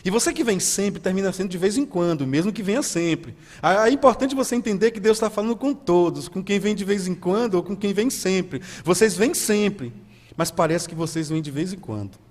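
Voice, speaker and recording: A Brazilian man, a guest pastor preaching a sermon in a church, swinging from soft and low to loud and high. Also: expressive, brisk, in a large hall. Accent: Brazilian Portuguese. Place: church hall.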